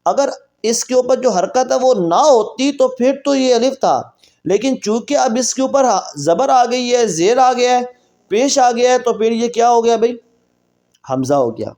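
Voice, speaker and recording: High-voiced Pakistani Quran teacher. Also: male voice, animated, a little mellow. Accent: Pakistani Urdu. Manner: explains quickly, then drawls letters slowly for practice. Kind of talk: recorded reading lesson.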